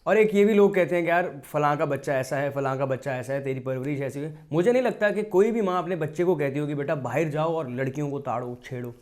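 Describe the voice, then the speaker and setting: A man's voice: fairly high pitch, expressive, fast talker, hardly any pauses, darkish tone. A man hosts a casual podcast conversation, asking questions and summing up what his guest says. He agrees readily and steers the talk with follow-ups. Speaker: podcast host. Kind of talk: casual interview chat.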